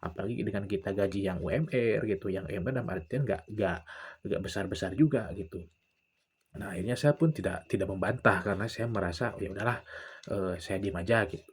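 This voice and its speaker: A man's voice: fairly low pitch, fairly quick, slightly rough. A young man, casually telling stories to the camera and acting out what other people said. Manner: retells conversations with others, often acting out their lines. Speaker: vlogger.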